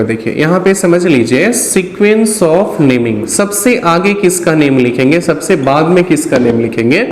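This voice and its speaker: A man giving a patient, explanatory chemistry lecture for an online class, often pausing to check that students are following. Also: sits high. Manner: patient, explanatory, ends phrases with a checking "ठीक है". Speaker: chemistry teacher. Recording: roomy with a long reverb tail.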